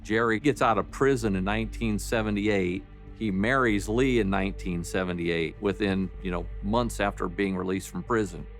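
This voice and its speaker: A man speaking as a detective in a documentary interview, recounting case facts in deliberate, official phrasing. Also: lowish voice, soft background music.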